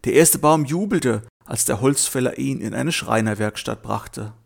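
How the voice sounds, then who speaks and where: A man narrating a children's Bible story in a calm, gently expressive storytelling manner, briefly voicing the characters. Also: mid-range voice, unhurried, gravelly.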